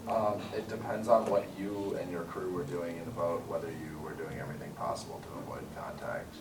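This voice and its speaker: A man's voice: deep voice, steady tone, brisk. A man in a class answering a question carefully, hedging with fillers and qualifications. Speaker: student. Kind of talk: classroom discussion. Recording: distant, echoey room with background noise.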